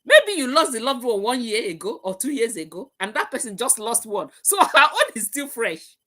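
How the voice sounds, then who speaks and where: A woman's voice: on the high side, sing-song, normal speed, sharp tone. Emphatic woman hosting a talk show. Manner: emphatic, repeats key phrases. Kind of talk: live chat, reading viewer comments.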